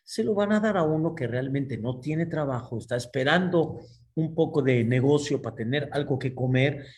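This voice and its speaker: A man voicing a calm, patient male angel of death in a told story. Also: mid-range voice, normal speed, lightly acted. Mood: reassuring. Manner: soothing, patient, explaining gently.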